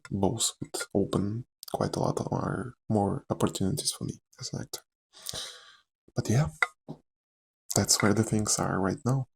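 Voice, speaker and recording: Speaking softly in a rambling, candid ASMR chat, a young male actor whose first language is Czech or another Slavic language fills his talk with fillers and quiet laughs. His fairly low voice carries a heavy gravelly fry and a husky, breathy edge, plus a Slavic accent.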